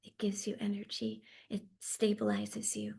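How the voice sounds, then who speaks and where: The meditation leader's voice is level and even in pitch, touched by a slight gravel. She speaks gently, softly and slowly through the guided session, her words often slipping into a half-whisper.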